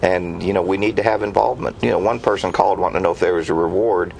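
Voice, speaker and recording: A man's voice: low-pitched, quick pace, gravelly, darkish tone, poor audio. A man speaking as an interviewed police official, earnest and urging in a conversational way. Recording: faint background noise.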